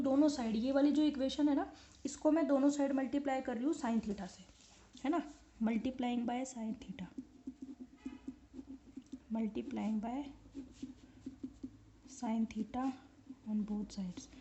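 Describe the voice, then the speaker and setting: Woman teacher explaining physics step by step, high mellow voice, dull lo-fi sound. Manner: explains step by step and keeps asking the class if they follow. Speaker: physics lecturer. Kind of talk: online lecture.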